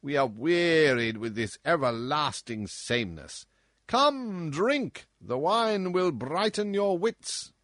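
A man's voice: fairly high pitch, big pitch swings, takes it slowly, a bit bright, no echo, studio quality, voice pushed up, exaggerated voice. A man doing a bellowing, cruel tyrant king. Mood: mocking, blustering. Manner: bellowing, mocking, laughs harshly. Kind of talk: storybook reading.

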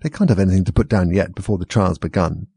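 A man's voice: low-pitched, quick pace, gravelly, dark tone, slightly rough, dry recording, exaggerated voice. A man doing Alice, a polite young girl. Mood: musing.

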